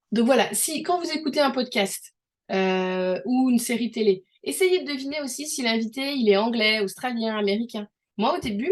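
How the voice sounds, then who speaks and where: Chatty French woman, slightly high voice. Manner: chatty, many fillers and restarts. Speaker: podcast co-host. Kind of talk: casual advice chat.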